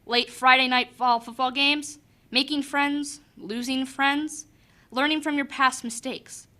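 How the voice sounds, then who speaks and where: A woman's voice: sits high, fairly even intonation, a little slow, sharp tone. A teenage female student giving a scripted motivational campaign speech as an election candidate.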